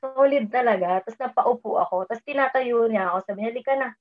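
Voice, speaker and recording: Quick and on the high side, a woman's voice relates a personal dream story in an easygoing chat. When she quotes herself her voice goes up, and English words keep slipping in; the sound is thin and phone-like.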